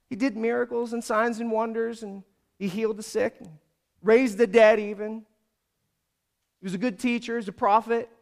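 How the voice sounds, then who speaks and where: A man preaching a sermon, telling a story and then rising into loud, urgent appeals before dropping into quiet prayer. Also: vocal fry. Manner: storytelling preacher who builds to loud, high-pitched exhortation. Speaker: pastor. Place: church service.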